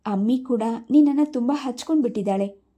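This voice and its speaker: A woman's voice: fairly high pitch, dark tone, slightly rough. A woman voicing a young girl who speaks in a downcast voice in a told story. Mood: sad. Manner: downcast, quick. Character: young girl, sad and pleading.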